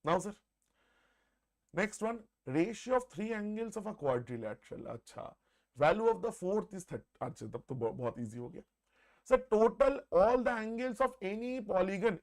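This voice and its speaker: An Indian-accented man teaches maths in a live exam-prep lesson, working through problems aloud in a high-pitched, expressive, slightly mellow voice at a fairly quick pace. He's conversational, repeats phrases, frequently calls listeners "sir," and mixes Hindi words into his English.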